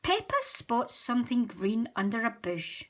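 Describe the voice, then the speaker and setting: A woman reading a children's storybook aloud as host of a story time, gentle and expressive. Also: a little high, unhurried. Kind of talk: children's read-aloud narration.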